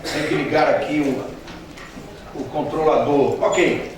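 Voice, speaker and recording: In a large, echoey hall, a missionary speaker addresses a live audience in a fairly high voice with fairly even intonation and a slightly slow delivery. Between jokes and funny stories in his church training talk, he asks listeners questions directly. The mic is distant, the background is noisy, and the audience is audible.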